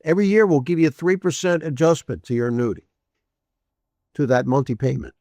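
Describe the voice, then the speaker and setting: A man voicing an eager, breezy male annuity salesman who answers with quick, upbeat yeses. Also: a little high, lively intonation, dark tone, dry recording. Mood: eager salesy.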